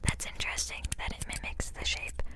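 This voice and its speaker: A young woman whispering slowly and softly while showing objects in an ASMR video. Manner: slow, soft whisper. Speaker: ASMR co-host.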